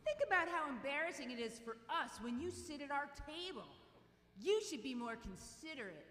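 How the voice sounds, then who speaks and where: A sneering seventh-grade girl bully, put on by a woman on stage, condescending under a sugary politeness. She rattles off her lines quickly in a raised, girlish pitch. The reverberant room carries her voice with a long tail. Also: expressive, fairly bright tone, a little hiss or hum. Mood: fake-sweet.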